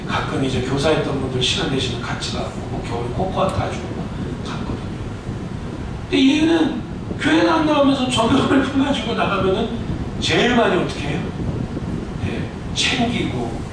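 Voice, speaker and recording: A male pastor preaches with a raised pitch, putting questions to his congregation and answering them himself. The voice rings around a big echoey sanctuary, picked up from well back. Loud constant noise sits under everything. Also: sing-song, normal speed. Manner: storytelling with swings between loud and hushed. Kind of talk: sermon. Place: church sanctuary. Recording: echoey hall, distant mic, loud noise.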